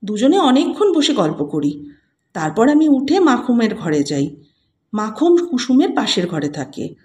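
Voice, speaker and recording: A woman storyteller reading a classic story aloud in an expressive way. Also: a little high, unhurried. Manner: expressive, animated. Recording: roomy echo.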